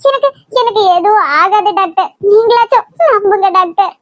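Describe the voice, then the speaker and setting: A woman's voice: very high-pitched, normal speed, dry recording, highs cut off. A woman voicing a desperate young pregnant wife in a cartoon drama, pleading and stammering in Kanyakumari Tamil. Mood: tearful pleading. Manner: tearful, stammering pleas.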